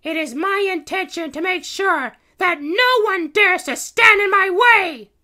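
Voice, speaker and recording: Very high, proud cat princess. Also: male voice, unhurried, sharp tone, full character voice. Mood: taunting, bold. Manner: theatrical, declaiming. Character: young heroic cat princess, proud and defiant.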